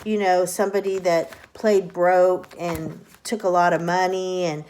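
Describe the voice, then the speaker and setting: Slow-talking, blunt older woman tarot reader. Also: fairly low pitch, darkish tone. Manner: blunt and profane, laughs often. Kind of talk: casual advice talk to camera.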